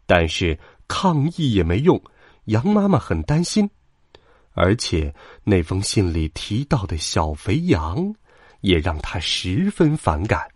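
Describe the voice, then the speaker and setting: A man storyteller reading a children's bedtime story aloud in an expressive way. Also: low-pitched, takes it slowly, slightly rough, no echo, clean studio sound. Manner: lively, expressive.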